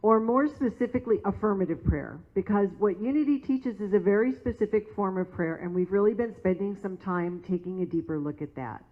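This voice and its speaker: A woman's voice: medium pitch, brisk, hardly any pauses. A woman minister preaching a sermon in a conversational, storytelling manner in a church. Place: church sanctuary. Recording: tinny phone-like sound.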